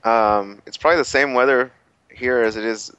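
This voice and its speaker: A man's voice: medium pitch, normal speed, a bit bright, clean tone, dry recording. Dull, lo-fi male podcast co-host. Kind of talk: casual chat. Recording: dull lo-fi remote call audio.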